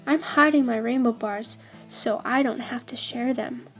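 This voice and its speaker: A woman's voice: fairly high pitch, measured pace, soft background music, lightly acted. A woman voicing a naive, earnest young male cartoon bear in a children's storybook. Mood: secretive.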